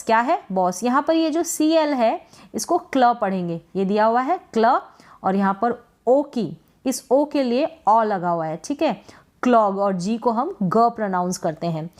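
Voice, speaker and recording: A woman's voice: a little high, darkish tone. Woman teaching pronunciation, quizzing herself. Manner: asks questions and answers them herself, repeating words. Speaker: English teacher. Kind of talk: pronunciation lesson.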